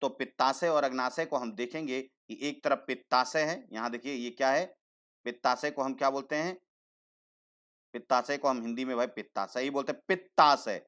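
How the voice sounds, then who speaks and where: A man teaching a science class, slowly repeating terms and asking the class questions before he answers them himself, often calling students "beta". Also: mid-range voice, a bit bright. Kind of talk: online science lesson.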